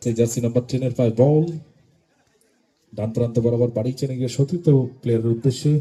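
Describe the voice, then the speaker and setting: A man giving excitable live football play-by-play, calling passes in short bursts. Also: mid-range voice, fast talker. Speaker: football match commentator. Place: outdoors at a local football ground.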